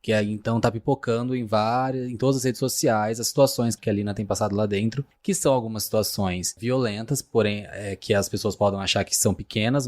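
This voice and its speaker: A man with a Brazilian Portuguese accent hosting a podcast, talking in a relaxed, chatty way with filler words. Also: on the low side. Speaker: podcast host. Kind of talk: casual podcast chat.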